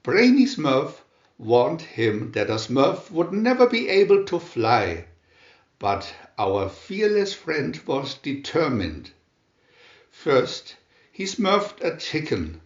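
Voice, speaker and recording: A man reads a children's storybook slowly and deliberately in a slightly high voice, lingering on every phrase while his intonation rises and falls expressively. The slightly muffled recording sounds like a reverberant room.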